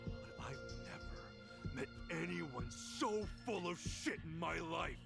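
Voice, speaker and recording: An actor playing a brash, hot-headed former gangster in a video game cutscene, blunt and defiant, with game music behind. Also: male voice, on the high side, slow, gravelly, heavily acted. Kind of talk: game dialogue acting. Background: game music score.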